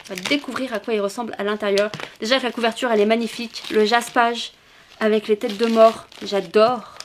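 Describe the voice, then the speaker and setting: In a book haul vlog, a French booktuber talks casually and gushingly, breaking into frequent exclamations, fillers, and restarts. Her higher voice is a little fast with fairly even intonation, and there's a slight hiss or hum.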